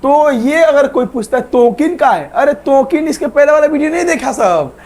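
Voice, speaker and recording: A man's voice: very high voice, animated, normal speed, a little mellow. A man teaching an online exam-prep history lesson, who keeps asking questions and answering them himself. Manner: asks viewers to like and subscribe.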